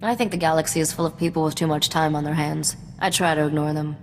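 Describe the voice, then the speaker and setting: A low-voiced actress talking fast with fairly even intonation plays a shrewd, confident woman mechanic running with space smugglers in a video game cutscene. Her delivery is dry, sardonic and wry, over soft background music with a long reverb tail.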